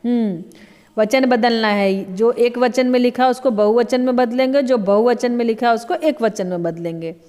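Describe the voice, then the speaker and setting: A woman teacher slowly giving a grammar lesson, patiently explaining each answer with many examples. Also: on the high side, darkish tone, big-room sound. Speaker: Hindi teacher.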